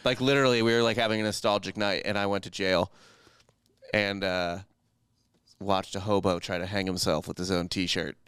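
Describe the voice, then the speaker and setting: A man on a podcast telling a rambling, crude story in a deadpan way during a casual chat. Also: deep voice, moderate pace, smooth, no echo, studio quality.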